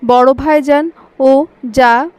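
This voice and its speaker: A woman's voice: sits high, fairly even intonation, extremely slow, darkish tone. A woman voicing a playful uncle who teases his nephew. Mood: teasing. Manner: playful, teasing. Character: joking uncle, playful and teasing.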